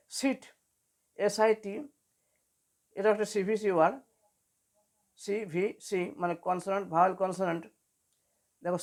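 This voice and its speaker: A woman's voice: lowish voice, darkish tone. A woman teaching an English spelling lesson for beginners, patiently spelling words out letter by letter.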